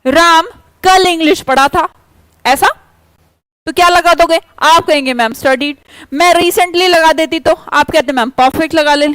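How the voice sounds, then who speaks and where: A woman teaching English grammar in an online class, briskly pushing students to answer quickly. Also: extremely high pitch, fairly bright tone, no room sound, poor audio.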